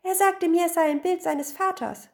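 A woman voicing a jealous young wife in a storybook tale, with a high, wailing voice. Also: steady tone, moderate pace. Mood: tearful, indignant.

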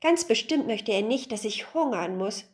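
A woman's voice: a little high, animated, moderate pace, close to an everyday voice. Woman doing a greedy young boy. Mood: scheming. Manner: eager, self-justifying. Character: greedy hungry young boy, sly and naive.

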